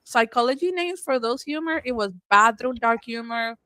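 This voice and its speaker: A woman's voice: fairly high pitch, normal speed, no echo, low-quality recording. Talkative Puerto Rican woman, dry close sound. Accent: Puerto Rican Spanish. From Puerto Rico. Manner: animated storytelling, laughs often, quotes herself. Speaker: podcast co-host. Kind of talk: casual chat.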